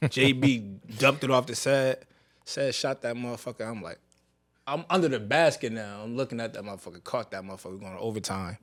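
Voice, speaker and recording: A young man from Connecticut hosting a casual podcast, telling animated stories with heavy slang and frequent laughter. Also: medium pitch, normal speed, no echo. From Bridgeport, Connecticut, USA. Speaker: podcast host. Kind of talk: casual conversational interview.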